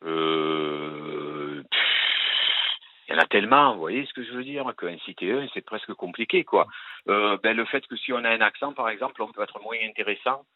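A man with a Marseille accent, an actor telling lively stories in a radio interview, full of fillers and asides. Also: fairly low pitch, normal speed, no echo. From Marseille, France. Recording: tinny phone-like radio sound.

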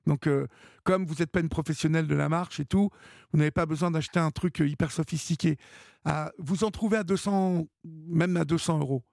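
A man hosting a late-night call-in radio show, talking through advice in a halting way with lots of restarts. His voice sits a little high and has a strong gravelly rasp. The studio sound is dry and close. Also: steady tone, no echo. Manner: warm advice, many hesitations and restarts.

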